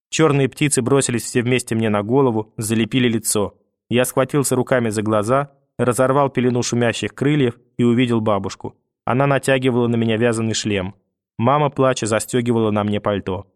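A man reading a novel aloud as first-person narrator, steady and even. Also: medium pitch, fairly quick, dry recording, clean studio sound. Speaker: audiobook narrator. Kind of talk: scripted narration.

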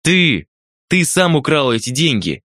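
A distraught noblewoman in a storybook, her hoarse voice climbing high and strained, acted out by a man reading aloud. The recording is dry and close. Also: very animated, unhurried, fairly bright tone, dry recording. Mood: accusing.

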